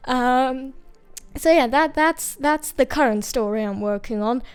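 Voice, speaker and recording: A woman's voice: sits high, unhurried, clear, resonant tone. A woman talking through her digital drawing in a casual voice-over, rambling and hesitant, often restarting and laughing at herself. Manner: self-mocking, laughs at herself. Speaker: digital artist.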